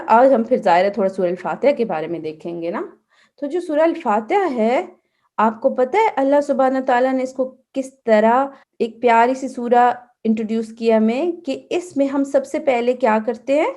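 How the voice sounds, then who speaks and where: A woman's voice: fairly high pitch, darkish tone. A woman teaching children in an online class, patiently correcting their recitation and checking in with them often. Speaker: Quran and Seerah teacher for kids.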